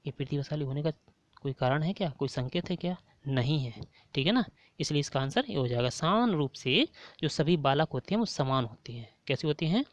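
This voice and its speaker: A man's voice: a little high, animated, a little fast, no echo. A man with a Hindi accent giving an online exam-prep lesson, repeating each question and prompting viewers to answer.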